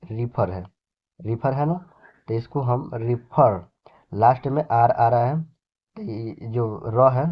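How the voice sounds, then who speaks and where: A man teaches a lesson at an unhurried pace, repeating key words and checking in with his listeners as he goes. His voice sits at a middle pitch. The recording sounds a little dull and lo-fi. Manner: explains slowly, repeating words and adding a check at the end of lines. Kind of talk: classroom-style lesson.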